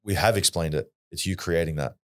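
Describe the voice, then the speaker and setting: An Australian man appearing as a podcast guest tells a personal story bluntly and earnestly, swearing freely. His voice is low-pitched and his pace a little fast, in a casual storytelling style.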